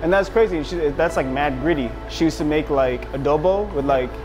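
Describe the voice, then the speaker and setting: Loud music plays behind this restaurant owner in his thirties as he chats in a relaxed, slangy way full of fillers, speaking fairly quickly in a voice on the high side. He's in a small restaurant with a painted mural wall, and the audio is poor.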